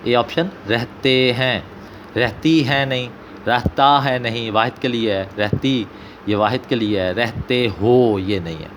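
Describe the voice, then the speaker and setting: A man with a Pakistani Punjabi accent, an Urdu teacher working through an exam paper and slowly repeating example sentences. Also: medium pitch, fairly bright tone, slight background noise.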